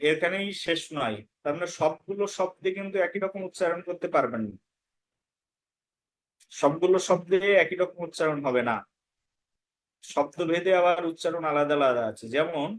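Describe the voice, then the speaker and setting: A man teaching a scripture class, patiently repeating words to demonstrate correct pronunciation. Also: fairly high pitch. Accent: Bengali. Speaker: Gita course teacher. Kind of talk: pronunciation lesson.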